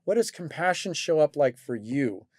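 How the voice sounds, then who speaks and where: A man's voice: a little high, animated, normal speed, darkish tone, no echo, studio quality. A man hosting a talk show, teaching and coaching in a reflective way with many fillers and restarts. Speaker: host and coach.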